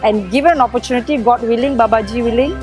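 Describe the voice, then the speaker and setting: A woman with a slightly high voice speaks with heartfelt feeling in measured phrases. Faint music plays in the background. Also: a little mellow. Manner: heartfelt, measured then quickening. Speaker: visitor giving a testimonial.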